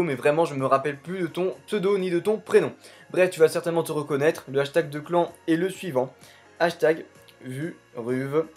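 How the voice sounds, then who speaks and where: With a voice on the high side and a little mellow, a young French YouTuber investigates game clans through relaxed, unscripted commentary. He drifts from point to point and repeatedly uses the phrase "tout simplement."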